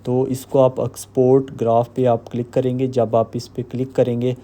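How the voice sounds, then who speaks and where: A man giving a screen-recorded software walkthrough, explaining step by step with filler pauses. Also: medium pitch, little pitch movement. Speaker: software tutorial host.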